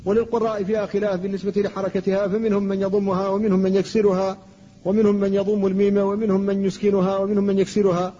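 Man, high voice, lecturing teacher, careful drawn-out demonstrations, muffled lo-fi sound. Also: flat delivery, mellow, in a large hall. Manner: slow, deliberate demonstrations of pronunciation. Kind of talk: classroom lecture. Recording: dull lo-fi recording with faint noise.

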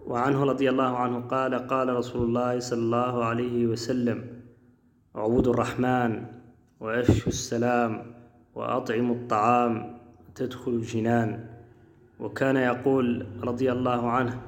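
A man preaching in formal standard Arabic, reciting religious sayings in a measured, formal way as part of a lecture. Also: mid-range voice, level tone. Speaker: preacher presenting a lecture series.

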